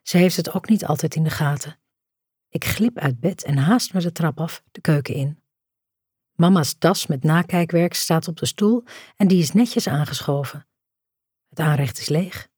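A woman reads a novel as a first-person audiobook narration, in a slow, measured, hushed delivery. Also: low voice, breathy edge, dry recording, clean studio sound.

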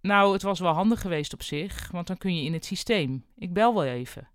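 Reader as a young woman receptionist, brisk, friendly, practical, dry storybook read. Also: medium pitch, animated, smooth, dry recording, natural voice. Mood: brisk, helpful.

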